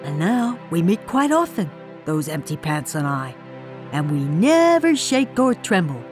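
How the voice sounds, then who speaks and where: A woman reading a rhyming children's story aloud, shifting from hushed lines to shrieking ones. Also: fairly low pitch, sing-song, measured pace. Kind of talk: dramatic storybook read-aloud. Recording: music playing behind the voice.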